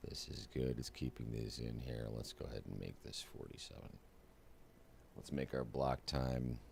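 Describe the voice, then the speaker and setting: A man's voice: very deep voice, fairly even intonation, moderate pace, vocal fry, darkish tone, a little hiss or hum. A man giving casual, chatty commentary while streaming a flight simulator, narrating each step aloud with self-mocking asides.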